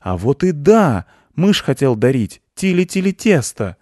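A man's voice: fairly high pitch, very animated, a little slow, warm tone, no echo, clean studio sound, pitched above the performer's own voice. Man doing a cheeky grey tomcat. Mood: teasing. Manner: cheeky and teasing. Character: teasing grey village tomcat.

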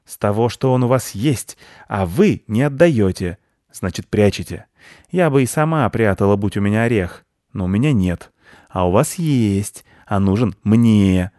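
A man's voice: on the low side, animated, unhurried, mellow, no echo, studio quality. A man voicing a greedy, hysterical female squirrel who shrieks and rants in a storybook reading. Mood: agitated, paranoid. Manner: shrieking, frantic, paranoid.

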